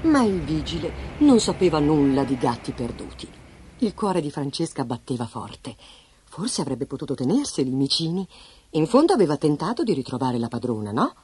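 Expressive woman storyteller. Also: low voice, moderate pace, background noise. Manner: expressive, sing-song reading. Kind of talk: scripted storybook narration. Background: soft background music.

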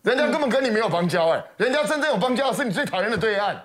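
A man's voice: high-pitched, expressive, very fast, fairly bright tone. A man with a Taiwanese Mandarin accent giving heated talk show commentary in a television studio, scornful and full of sarcastic rhetorical questions. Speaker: political commentator.

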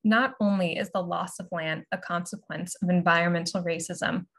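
A woman moderating a virtual panel, reading a prepared introduction aloud in a measured, formal way over a video call. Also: on the low side, fairly even intonation, fairly bright tone. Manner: measured, formal presentation of a written script. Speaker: moderator and curatorial assistant. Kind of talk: prepared talk read aloud.

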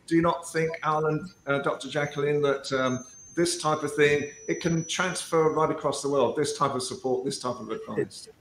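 A man co-hosts a live online show, speaking haltingly and restarting his thoughts. His voice sounds echoey, with faint noise underneath. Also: on the high side, a bit bright. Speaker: co-host.

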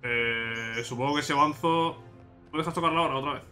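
A man with a Spanish accent from Spain commentating a video game he plays, chatting to himself and his viewers with bursts of excitement. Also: medium pitch, brisk, soft background music. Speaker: gaming channel host. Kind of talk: casual let's play commentary.

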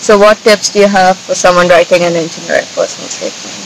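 A woman's voice: fairly low pitch, big pitch swings, fast, vocal fry, low-quality recording. A young woman, an engineering student, hosting a casual interview outdoors and asking questions in a friendly, chatty way. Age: young adult. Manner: friendly, asks questions with frequent "like". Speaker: channel host, engineering student. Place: outdoors in a grassy field. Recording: outdoor noise in the background.

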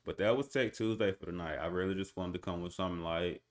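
A man's voice: sits low, fast. A young man hosting a live stream, chatting casually in slang with his viewers, with instrumental music playing behind him. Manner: laid-back slangy banter with chat, rising to excited hype.

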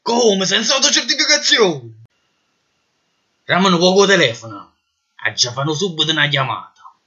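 Casting: male actor as a bullying Neapolitan marshal, theatrical and sarcastic, forceful tone, parody dub. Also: sits high, animated, moderate pace, breathy edge, exaggerated voice. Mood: exasperated. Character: exasperated, bullying police marshal berating a rule-breaker. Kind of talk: comic parody dub of a fantasy film. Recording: muffled lo-fi dub.

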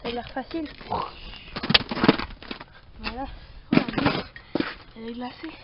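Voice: mid-range voice, measured pace. A young girl voicing her toy figures as they play on ice outside, playful, swearing and crying out in pain. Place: outdoors on ice in winter. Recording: dull sound, loud outdoor noise.

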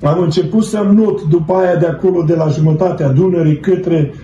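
A man's voice: a little high, fairly even intonation, warm tone. A middle-aged man giving an earnest, fervent religious testimony, telling his story and calling his listeners brethren. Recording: roomy, dull, slightly noisy.

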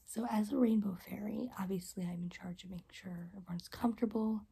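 Breathy ASMR role-play, young woman as gentle fairy. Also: mid-range voice, steady tone, brisk. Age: young adult. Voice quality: breathy soft voice. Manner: gentle, reassuring. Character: caring, soft-spoken rainbow fairy guide. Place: small room indoors.

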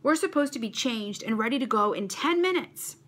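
A woman's voice: a little high, lively intonation, moderate pace, a bit bright, pitched above the performer's own voice. A woman voicing an eager, insistent schoolboy teammate in a storybook reading. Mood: urging. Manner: urging, insistent.

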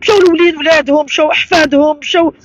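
A woman's voice: sits high, fairly even intonation, racing, dry recording. An upset woman with a Moroccan accent, crying angrily and pleading as she repeats her phrases in an outdoor interview. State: upset, tearful, angry crying. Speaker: interviewee, mother. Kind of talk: emotional street interview testimony. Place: outdoors at night in a city park. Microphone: handheld reporter microphone.

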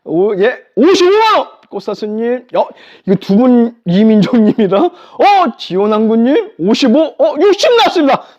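An excitable live-stream auctioneer selling furniture, calling out bids and repeating prices. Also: medium pitch, moderate pace. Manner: excitable, exclaiming. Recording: dull lo-fi live-stream audio.

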